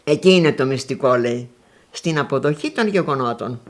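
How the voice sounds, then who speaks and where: An elderly grandmother from northwestern Greece, recounting memories in an interview and acting out remembered conversations as she tells them. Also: very deep voice. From Konitsa area, northwestern Greece. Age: older. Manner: lively storytelling, acting out remembered dialogues.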